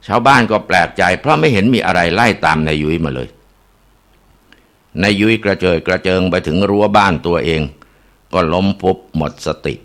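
A man's voice: low voice, fairly bright tone. A man narrating a ghost story in a dramatic way, with occasional filler sounds.

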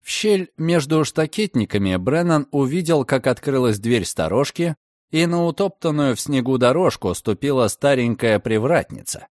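A man reading a novel aloud as audiobook narrator, in an expressive, dramatic way. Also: medium pitch, normal speed, no echo, clean studio sound. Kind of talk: scripted narration.

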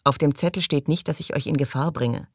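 A woman reading an audiobook and voicing a calm, self-assured man who speaks in a measured, unruffled way. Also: sits low, no echo, studio quality.

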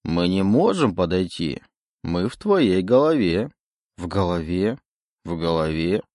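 A man's voice: deep voice, very animated, unhurried, darkish tone, no room sound, clean studio sound. A man reading an audiobook, voicing a mocking, cruel demon voice with a sneering manner.

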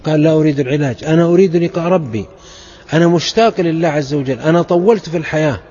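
A man's voice: fairly high pitch, very fast, mellow, highs cut off. A man from Saudi Arabia preaching a sermon, telling stories of early scholars with fervent, emphatic exhortation. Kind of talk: sermon storytelling.

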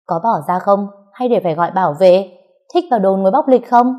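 A woman reads a loud, brash mistress in a spoken story. She talks big and makes open threats in a pushed, sharp voice. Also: mid-range voice, a little fast, lo-fi sound, lightly acted.

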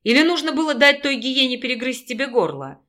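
A woman reading an audiobook, voicing a gruff, angry male werewolf who scolds sarcastically, in a fairly high voice. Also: big pitch swings, brisk, a bit bright. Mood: sarcastic.

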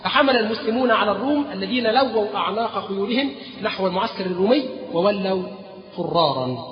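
A man with an Egyptian accent giving a religious history lecture, telling the story and prompting his listeners with fill-in questions. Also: high voice. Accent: Egyptian Arabic. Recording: dull, echoey hall recording.

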